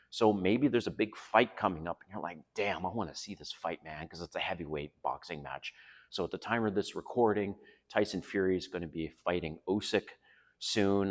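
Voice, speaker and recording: A man's voice: low voice, long reverb tail. A middle-aged man from Canada, hosting his vlog and talking frankly and earnestly, swearing freely. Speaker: vlog host. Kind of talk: candid personal vlog talk. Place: outdoors by a residential pool.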